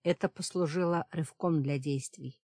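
Low-voiced woman narrating a fantasy audiobook. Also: normal speed, a little mellow, breathy edge, dry recording, studio quality. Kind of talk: scripted narration.

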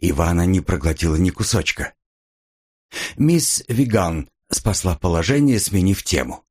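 A male narrator reads an audiobook with expressive storytelling. His voice is very low and husky. His pitch moves in wide, lively arcs. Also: measured pace.

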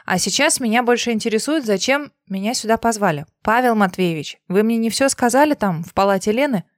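A woman reading the lines of a sharp-tongued young wife who teases and scolds her husband with sarcasm. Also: on the high side, animated, brisk, no room sound, studio quality, lightly acted. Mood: sarcastic. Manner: sarcastic, teasing.

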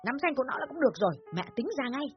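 A woman plays a domineering older mother who scolds in rapid bursts. Her voice sits high and leaps around. The audiobook sound is dull, with faint music under it. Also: big pitch swings. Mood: coaxing. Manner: scolding, shrill, rapid-fire. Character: angry older mother, sharp-tongued and domineering. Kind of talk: dramatized audiobook reading.

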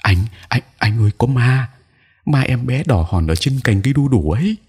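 A man voicing a young countryside wife who speaks in quick exclamations. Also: deep voice, sing-song, darkish tone, husky, exaggerated voice. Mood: frightened. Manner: breathless, exclaiming.

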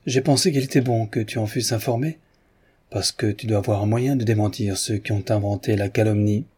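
Sly peasant woman, falsely humble, quiet and low; a man voicing her. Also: fairly quick. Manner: quiet, smooth, insinuating. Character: sly calm peasant woman, feigning humility.

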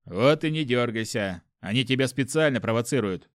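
A man voicing a stern, calm male guard who gives firm orders. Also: mid-range voice, moderate pace, no echo, studio quality, lightly acted.

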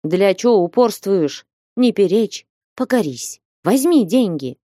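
A woman's voice: mid-range voice, sing-song, takes it slowly, mellow, no room sound, clean studio sound. A woman doing a coaxing older godfather. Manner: coaxing, insistent. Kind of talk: audiobook reading.

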